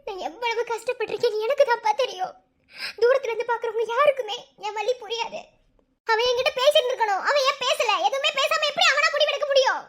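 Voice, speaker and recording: Performer voicing cartoon mother, very high voice, fast, pleading, desperate. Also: fairly bright tone. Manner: pleading, repeats words. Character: grieving young mother, fierce and desperate. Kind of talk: animated cartoon voice acting.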